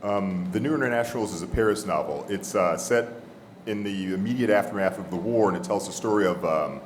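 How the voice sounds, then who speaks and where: A man's voice: deep voice, fairly quick, reverberant, slight background noise. A man from Texas, a novelist, describing his book on a festival panel with a hesitant delivery full of fillers. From Texas, USA. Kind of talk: panel talk.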